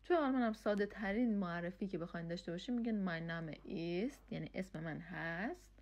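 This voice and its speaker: A woman's voice: lowish voice, a little mellow. A woman, teaching German in a casual lesson and explaining each phrase step by step. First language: Persian. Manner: explains step by step, checks in with "okay?".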